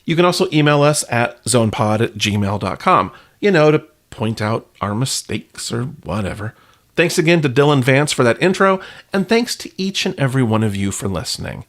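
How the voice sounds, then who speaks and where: A man hosts a podcast, mixing casual talk with read-out news items in a wry, self-deprecating, informal style. His mid-range voice is very animated and runs at normal speed.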